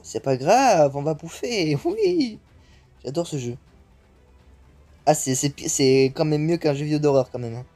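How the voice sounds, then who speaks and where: A young man commentating on his own gameplay, excitable and quick to swear, with English exclamations thrown into his French. His voice sits a little high for a man, and faint music plays behind him. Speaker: gaming YouTuber.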